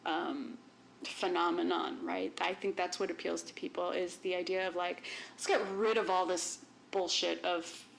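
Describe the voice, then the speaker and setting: A woman's voice: fairly low pitch, steady tone, normal speed, gravelly. Woman, podcast co-host, casual chat, musing, faint background noise. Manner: chatty, self-aware, trails off into musing.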